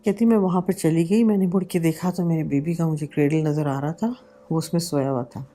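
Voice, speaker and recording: A woman vlogger telling a personal horror story in a casual way, slipping English words into her talk and going unhurried and hushed at the tense moments. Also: sits low, fairly even intonation, soft background music.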